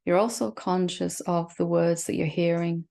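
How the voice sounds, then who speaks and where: This meditation guide, a spiritual teacher, has a lowish, gravelly voice that holds a steady tone. She speaks gently and reassuringly, taking long, unhurried pauses.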